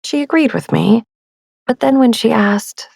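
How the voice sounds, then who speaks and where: A woman hosting a sleep meditation podcast, talking in a soft, slow, soothing whisper. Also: fairly high pitch, lively intonation, creaky, breathy edge, no room sound. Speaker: podcast host.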